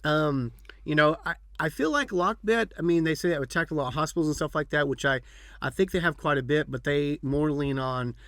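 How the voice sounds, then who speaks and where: A man's voice: a little high, brisk, fairly bright tone, no echo, studio quality. A man hosting a podcast, chatting casually and rambling with fillers and restarts. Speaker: podcast host. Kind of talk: casual chat.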